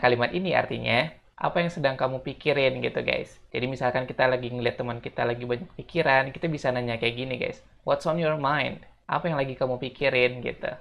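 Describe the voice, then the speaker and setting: A casual language teacher explaining everyday phrases, slowing down to model each one and often tagging "gitu, guys". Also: mid-range voice, gravelly, a bit bright. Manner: slows down to model English phrases. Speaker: English teacher.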